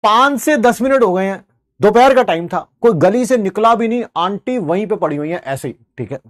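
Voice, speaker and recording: A high-pitched man in his forties spins an animated story for his students. His delivery is chatty and lively, and he keeps checking in with his listeners as he goes. The voice sounds close and dry, with no room echo. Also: normal speed. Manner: animated, keeps tagging "ठीक है" and mixing in English phrases. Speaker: teacher.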